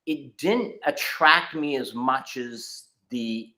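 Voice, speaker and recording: On a casual podcast, a middle-aged New Englander with a Boston accent rambles through long stories with many restarts. He speaks slowly at a medium pitch, and his tone is sharp.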